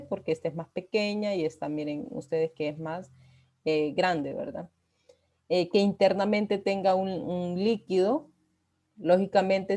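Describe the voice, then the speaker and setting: A woman's voice: fairly low pitch, dark tone. A woman teaching a physics class, explaining patiently with frequent "eh" fillers and "¿verdad?" checks. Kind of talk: recorded online class lecture.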